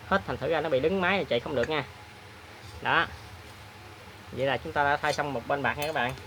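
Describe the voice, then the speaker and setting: A man hosts a hands-on repair demonstration, talking in a chatty, plain-spoken way with many filler pauses. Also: fairly high pitch, bright, forceful tone, slight background noise. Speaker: repair tutorial host.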